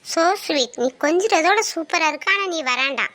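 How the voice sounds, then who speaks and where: A woman's voice: extremely high pitch, animated, pushed and bright, no echo, full character voice. A woman playing a chatty young college student who talks to her boyfriend and her parents on the phone. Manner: chatty, quick to reassure. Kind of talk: skit acting.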